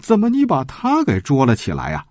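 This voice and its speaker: A man's voice: fairly high pitch, huge pitch swings, a little fast, a little mellow, dry recording, voice pushed up. Man doing a sly, cheerful old man in a storybook. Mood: coaxing. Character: crafty friendly old man, a village elder.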